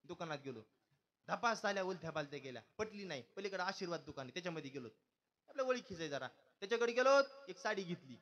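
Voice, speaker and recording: A man's voice: high-pitched, animated, fast talker, fairly bright tone. A young man preaching a humorous kirtan sermon, joking and asking the audience questions. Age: young adult.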